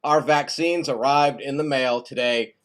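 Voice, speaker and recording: A man's voice: mid-range voice, steady tone, measured pace, fairly bright tone. A man co-hosting a comedy show on a video call, breezy and pushy, who keeps asking "all right?". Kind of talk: comic banter on a video call.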